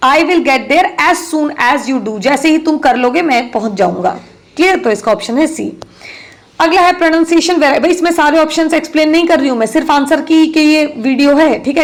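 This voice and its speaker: High-voiced woman teaching English exam answers. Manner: explains each item then repeats the answer, asks "clear?"; reads the English sentences slowly and deliberately. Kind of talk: answer-key walkthrough lesson in Hindi and English.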